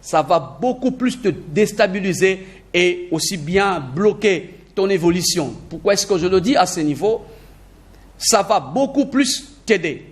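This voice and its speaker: A man teaching a video lesson on learning English, energetic and repeating phrases for emphasis, mixing in English sentences. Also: high-pitched, measured pace.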